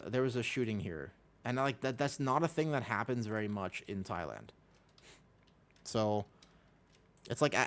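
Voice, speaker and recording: This is a man from Texas with a medium-pitched voice, hosting a game livestream. He chats casually and comments on play in slangy, excitable speech, often repeating his words. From Texas, United States. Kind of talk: casual chat and gameplay commentary.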